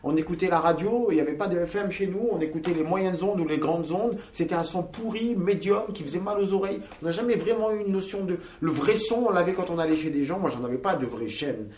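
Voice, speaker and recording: Band member from Algeria, male, slightly higher voice, chatty and halting, recorded roomy and off-mic. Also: a little mellow. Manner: talkative, searching for words with many fillers. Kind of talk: interview answers. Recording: roomy, from a distance.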